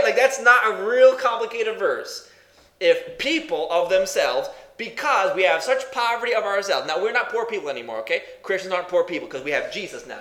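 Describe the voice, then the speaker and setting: Animated male preacher in an echoey room. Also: high voice. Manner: animated, conversational, many rhetorical questions. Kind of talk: sermon.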